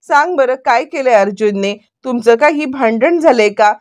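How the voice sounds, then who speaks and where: A woman's voice: sits high, animated, normal speed. A woman voicing a fatherly older man who reassures kindly and commands firmly. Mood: reassuring.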